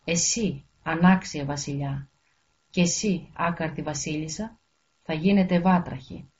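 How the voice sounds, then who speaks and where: A woman's voice: deep voice, a little mellow, slight background noise, close to an everyday voice. A woman voicing a wrathful, powerful fairy godmother who speaks in a thundering, menacing voice, on a dull lo-fi recording. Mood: threatening.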